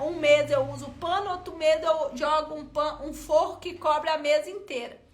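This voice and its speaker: Brazilian woman, self-help vlogger, very high bright voice, chatty and expressive, talks to the viewer directly. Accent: Brazilian Portuguese. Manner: expressive, colloquial storyteller addressing viewers directly. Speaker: self-help content creator. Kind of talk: motivational talk with personal story.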